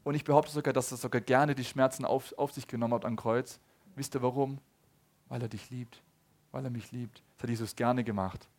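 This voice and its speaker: A man in his thirties preaching a sermon, swinging between loud appeals and soft low asides, often asking the audience questions. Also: steady tone, fairly quick. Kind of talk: sermon to a congregation.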